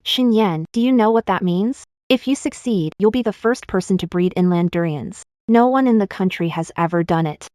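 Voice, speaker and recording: An actress playing a shrewd young business partner who speaks briskly and practically in a dubbed drama. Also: female voice, mid-range voice, a little mellow, no room sound, studio quality, close to an everyday voice. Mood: eager.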